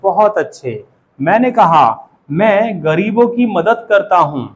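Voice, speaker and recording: Speaking slowly and expressively in a high voice, an Indian-accented man leads a spoken English lesson. He regularly asks the class questions and gets them to repeat his words.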